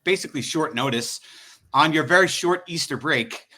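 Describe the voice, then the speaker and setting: Man, podcast host, bright voice, jokey, rambling, casual chat. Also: fairly high pitch, normal speed.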